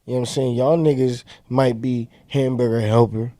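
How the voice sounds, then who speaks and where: A man in his late twenties co-hosting a podcast, talking casually in loose slang and getting animated when he jokes. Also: medium pitch, normal speed, no echo, clean studio sound. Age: 20s. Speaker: podcast co-host. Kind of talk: casual chat.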